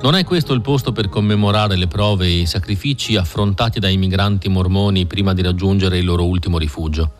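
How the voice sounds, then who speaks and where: Low-voiced man narrating a novel. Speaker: audiobook narrator. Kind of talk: scripted literary narration.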